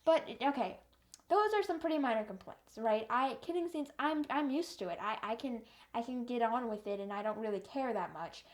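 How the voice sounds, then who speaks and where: A young woman with a slightly high voice rants through a book review. She is exasperated and animated, restarting her sentences as she rambles on. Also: normal speed. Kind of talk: casual ranting review.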